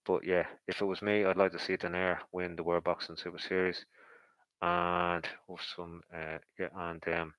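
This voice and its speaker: A man's voice: low voice, animated, moderate pace, vocal fry, a bit bright, no room sound, rough recording. A man giving casual, rambling boxing commentary in a conversational, speculative way, as if thinking aloud.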